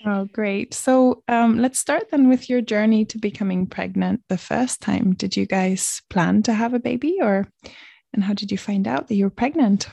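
A woman hosting a podcast, talking softly and sometimes dropping to a near whisper between cheerful greetings. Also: medium pitch, moderate pace, gravelly, dry recording. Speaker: podcast host. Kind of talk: podcast interview.

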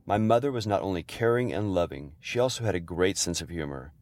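Deep-voiced man telling family stories. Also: fairly quick, music in the background. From Houston, Texas area. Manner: fond, gently humorous storytelling. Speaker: narrator. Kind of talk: personal memoir narration.

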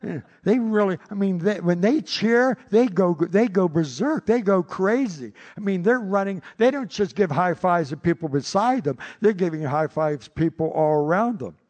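A male pastor preaching a sermon, telling stories with animated delivery and frequent repeated words. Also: high-pitched, moderate pace, hardly any pauses.

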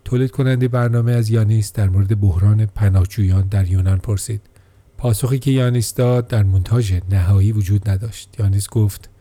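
A man reading a scripted documentary narration in a steady, measured way. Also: fairly low pitch, no echo.

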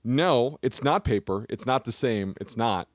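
A man co-hosting a podcast in casual chat, animated and quick to laugh at himself. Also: medium pitch, no echo, clean studio sound. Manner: animated, laughs often, self-deprecating. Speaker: podcast co-host.

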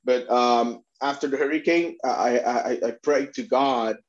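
A middle-aged man from Puerto Rico talks earnestly as an interview guest, circling back and restarting his sentences as he tells his story. His voice sits at an average pitch. The recording sounds slightly dull and lo-fi. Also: measured pace. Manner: earnest, many restarts and fillers. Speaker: immigration attorney and advocate, guest. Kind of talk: conversational interview.

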